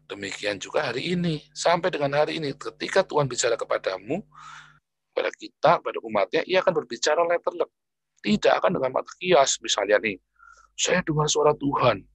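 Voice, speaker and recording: A man preaching a sermon in a lively, colloquial way, switching between quiet asides and loud exclamations and repeating phrases for emphasis. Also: on the high side, fast, gravelly, breathy edge, no echo. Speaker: pastor.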